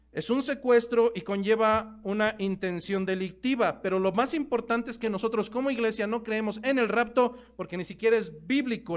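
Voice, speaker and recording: A man with a Mexican Spanish accent preaching a sermon as pastor, emphatic, slowing down to stress key words. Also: high-pitched.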